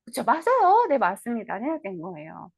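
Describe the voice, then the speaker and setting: A woman tutor giving an online lecture on an English play, reading lines slowly and explaining them in Korean, with questions to the viewers. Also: a little high, wildly swooping pitch, creaky, husky, dry recording.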